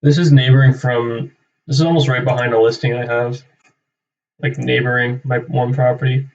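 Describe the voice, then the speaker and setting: This young man's medium-pitched voice stays level at a normal speed as he rambles casually on a livestream, thinking aloud and tacking "right?" onto sentences. He's a Canadian realtor hosting a live cold-calling session, and the mic sounds distant and slightly dull.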